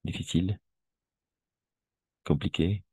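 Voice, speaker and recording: A man teaching a live online class, repeating phrases slowly to drill pronunciation and often checking that his students follow. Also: low voice, steady tone, darkish tone, slightly rough. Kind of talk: online language lesson.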